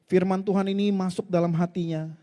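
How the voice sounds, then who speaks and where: Pastor guy preaching, pretty high voice, storytelling, big echoey church hall. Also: level tone, fairly quick, dark tone. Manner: storytelling preacher who often addresses the congregation; leads the congregation in call-and-response. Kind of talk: sermon. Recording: long hall reverb.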